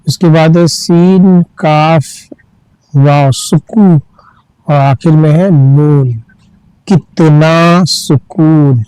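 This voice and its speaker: A man teaching reading, spelling each word out letter by letter and then reading it slowly and patiently. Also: on the high side, darkish tone, smooth, no echo, low-quality recording. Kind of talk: slow letter-by-letter reading lesson.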